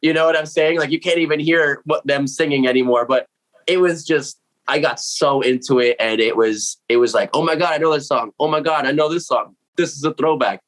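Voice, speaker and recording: A Puerto Rican man in his late twenties, a metal vocalist being interviewed, talks a little fast in a high-ish, slightly bright voice, with poor audio. Chatting casually to camera in a room at home with cats, he's animated, full of slang and mild swearing, and acts out his own reactions.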